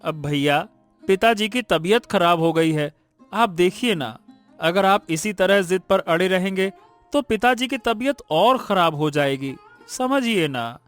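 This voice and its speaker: A man playing a gentle, pleading younger son. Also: sits high, animated, a little slow, soft background music. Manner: soft, pleading, respectful. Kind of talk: animated story voice acting.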